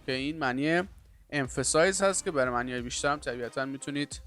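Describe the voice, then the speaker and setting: A man with a Persian accent teaching an online English lesson in a lively, upbeat way and drawing out his English example sentences. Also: medium pitch, faint music behind.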